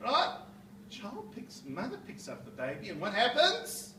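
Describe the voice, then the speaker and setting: High-voiced rabbi lecturing in echoey room. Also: male voice, a little slow. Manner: animated, keeps asking the audience questions with tag "right?". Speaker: rabbi and motivational speaker. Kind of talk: seminar talk to a live audience. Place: seminar room with audience. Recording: echoey room, mic far off, faint noise.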